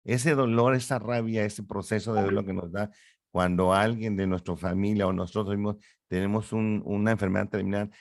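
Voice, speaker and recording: Middle-aged man, lowish voice, animated lecturing psychologist, dry close recording. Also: no room sound. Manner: animated, lecturing, uses rhetorical questions. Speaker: psychologist guest. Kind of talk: explanatory interview talk.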